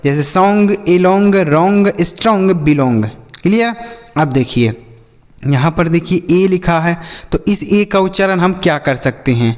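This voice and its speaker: A man leads a phonics lesson with a voice pitched a little high. He drills his listeners call-and-response style, asking and answering each question himself and calling them brother and children. His voice rings out with a long echo, as if he were speaking in a large hall. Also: animated, unhurried. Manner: addresses viewers as "my brother" and "children". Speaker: English phonics teacher.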